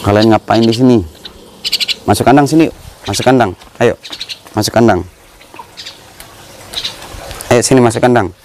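A man's voice: on the low side, fairly even intonation, normal speed, pauses often, noisy background. A man vlogging casually from his home bird cages, chatting to viewers and coaxing his birds in a playful voice, filmed on a phone. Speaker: pet bird keeper and channel host. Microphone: phone camera. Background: bird calls and clicks.

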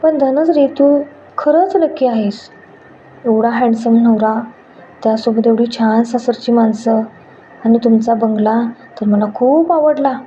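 A woman's voice: a little high, measured pace, dark tone, close to an everyday voice. A woman voicing a playful young woman friend who talks in a teasing way. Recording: dull lo-fi with faint noise.

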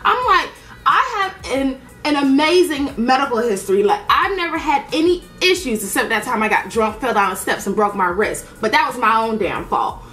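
Speaking at a moderate pace in a slightly high voice, a woman vlogger does her makeup and tells a story with blunt profanity and lots of animation, acting out what others said. The recording has a roomy sound.

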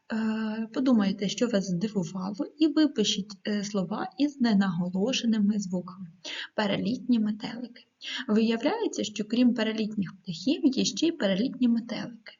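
A woman teacher giving a video lesson to schoolchildren, dictating words slowly and clearly with the odd hesitant filler. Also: mid-range voice, dark tone. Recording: dull lo-fi recording.

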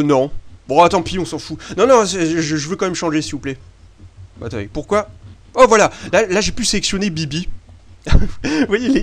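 A young man from France giving chatty, excitable commentary over a basketball video game, swearing casually and filling pauses with hesitations. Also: on the high side. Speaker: gaming video host. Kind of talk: casual let's-play commentary.

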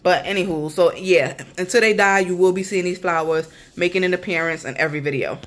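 Chatty woman with a low voice. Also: brisk. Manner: chatty, talks straight to viewers as y'all. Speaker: vlogger. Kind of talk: casual grocery haul vlog. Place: apartment kitchen, indoors. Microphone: handheld phone camera.

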